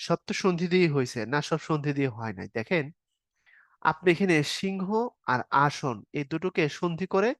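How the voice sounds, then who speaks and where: A man's voice: on the high side, fairly bright tone, no room sound, clean studio sound. A man teaching a grammar class online, explaining step by step in an informal spoken style and asking the students questions. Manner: informal spoken style, casual verb forms. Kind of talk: online exam-prep lecture.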